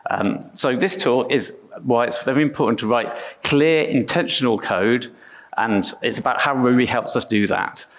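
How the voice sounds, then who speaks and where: A man's voice: mid-range voice, normal speed, a bit bright. A middle-aged English man giving a conference talk on stage, chatty and self-deprecating, with frequent restarts. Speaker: conference speaker.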